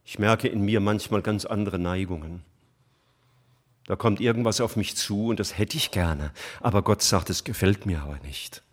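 Earnest German preacher, fervent. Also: male voice, fairly low pitch. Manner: earnest, rising to fervent emphasis; emotional, reads scripture slowly. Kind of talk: sermon.

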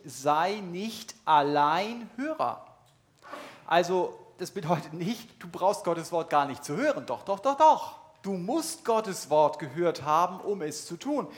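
A man's voice: on the high side, animated, measured pace. A middle-aged man preaching a sermon at a church service, earnest and emphatic, speaking straight to his listeners.

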